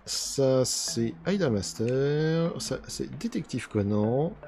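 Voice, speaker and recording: Slow-talking man grumbling through an unboxing. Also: medium pitch, animated, warm tone. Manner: chatty, grumbling, mock-angry. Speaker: card unboxing host. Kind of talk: casual unboxing commentary.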